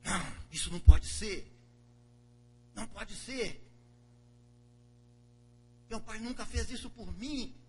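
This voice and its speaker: A man's voice: very high-pitched, slow pace, pauses often, slight background noise, voice pushed up. A man voicing a resentful older brother who complains and protests indignantly.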